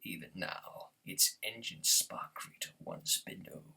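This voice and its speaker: A man voicing a thunderous, wrathful alien prophet from a video game, pompous and zealous, with a husky, gravelly, breathy voice and grand, solemn oratory. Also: low voice, huge pitch swings, measured pace, bright, forceful tone, whispered, distant mic, full character voice. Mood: reverent, grandiose. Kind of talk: theatrical game villain impression, grand speeches.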